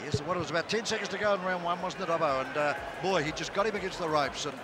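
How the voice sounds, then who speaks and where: A man's voice: a little high, fast talker, noisy background. A man with a New Zealand accent giving conversational boxing co-commentary. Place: large indoor arena. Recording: loud crowd and music behind.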